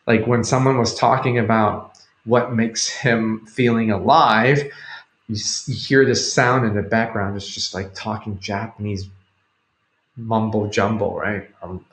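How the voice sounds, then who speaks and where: A Cantonese-speaking man hosts a livestream, chatting casually with viewers in a hesitant, rambling way as he thinks aloud. His voice is lowish, fairly bright, steady and unhurried. The home recording sounds roomy and echoing.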